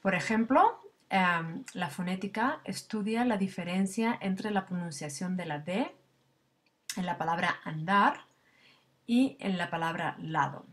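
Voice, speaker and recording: A woman with a somewhat low voice lectures as a language teacher. She explains things patiently, step by step. She checks in with a tag question now and then and corrects her own slips as she goes. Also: a little slow. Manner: fillers and small self-corrections. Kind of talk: recorded lecture.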